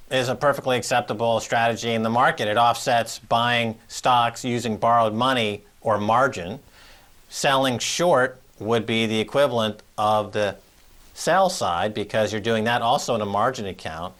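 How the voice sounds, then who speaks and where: A man's voice: mid-range voice, fairly bright tone. A man hosting a show, giving heated, accusatory financial commentary with strong emphasis. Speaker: show host.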